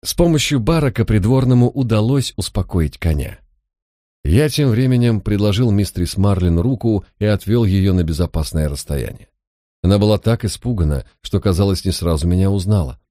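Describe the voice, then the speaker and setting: A man narrating an audiobook in a steady, even storytelling manner. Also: on the low side, normal speed, no echo, studio quality.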